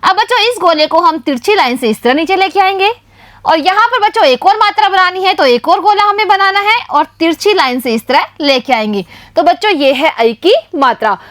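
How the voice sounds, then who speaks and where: High-voiced woman teaching young children. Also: fairly bright tone, no room sound, studio quality. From Rajasthan, India. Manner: slow, patient, addresses children constantly. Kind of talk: primary school Hindi lesson.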